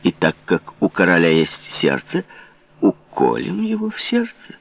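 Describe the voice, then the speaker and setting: Male reader as an icy, mocking monarch, low and deliberate, lively, dull recording. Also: dry recording, exaggerated voice. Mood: cold mocking. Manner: cold, low, measured sarcasm. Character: cold, mocking king, grown man.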